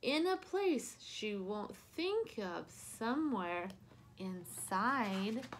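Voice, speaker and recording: A woman's voice: mid-range voice, big pitch swings, very slow, background noise. A woman reading aloud and voicing a group of mischievous little monkeys in a picture book. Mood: excited.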